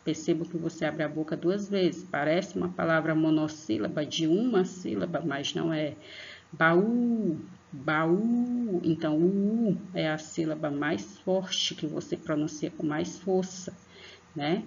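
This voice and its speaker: A woman's voice: sits low, moderate pace, vocal fry, darkish tone, slight background noise. A woman teacher giving a patient online lesson to children, stretching out and stressing example words. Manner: patient, talks to pupils as "tia". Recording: dull lo-fi online class audio.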